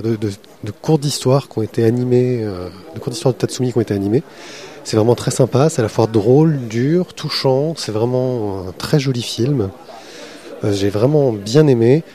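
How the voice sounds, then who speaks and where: A man's voice: medium pitch, normal speed, mellow. A man hosting a podcast, interviewing a comic artist at a festival and then chatting about his day there with many fillers.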